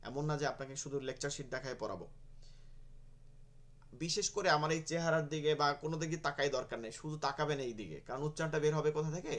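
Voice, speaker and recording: Patient male teacher, a bit high-voiced, repeats each letter sound for students. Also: fast talker, a bit bright. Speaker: Quran teacher. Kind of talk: online pronunciation lesson.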